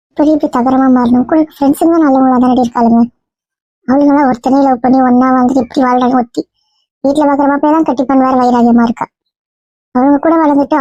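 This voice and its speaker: A caring young sister-in-law, played by a woman with a high, flat, mellow voice, pouring out a fast, pitying, scolding monologue. The recording is dry and lo-fi. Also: no room sound. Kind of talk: Tamil family drama dialogue.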